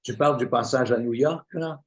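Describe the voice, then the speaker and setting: A man's voice: mid-range voice, normal speed. A man hosting a cultural interview show, chatting conversationally with his guest. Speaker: host.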